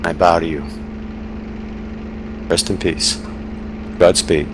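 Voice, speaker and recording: Older man, very deep, heartfelt halting eulogy. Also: fairly even intonation, background noise. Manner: halting, heartfelt, restarts often. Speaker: eulogist in an online game memorial. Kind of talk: spoken eulogy over game voice chat.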